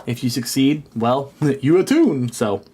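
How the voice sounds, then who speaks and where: A man narrating a tabletop game as game master, rambling with many fillers and turning excitable when he rants. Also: mid-range voice, unhurried, a little hiss or hum.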